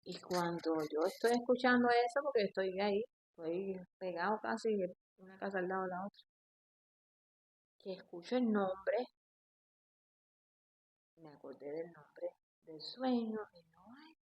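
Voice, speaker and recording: A woman from Cuba with a Cuban accent, confiding a personal story in a casual vlog, often dropping her voice low. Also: a little slow, slightly rough, no echo. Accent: Cuban Spanish. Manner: intimate, confiding, drifting quieter. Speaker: vlogger.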